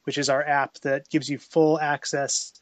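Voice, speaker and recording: Easygoing man co-hosting, slightly higher voice. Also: flat delivery, unhurried, dry recording. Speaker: podcast co-host. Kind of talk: casual podcast chat.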